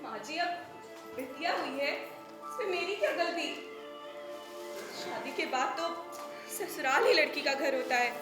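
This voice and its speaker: A woman's voice: sits high, a little slow, pauses often. A woman playing an indignant young daughter-in-law who stands up to her in-laws. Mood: pleading. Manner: indignant, pleading. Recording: echoey room, faint music.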